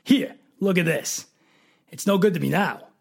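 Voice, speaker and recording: This is the smug detective-turned-cold-killer from a radio mystery drama, voiced by an actor with a raspy, gravelly sound and a coolly sardonic air. At medium pitch and a moderate pace, he comes across as coolly menacing.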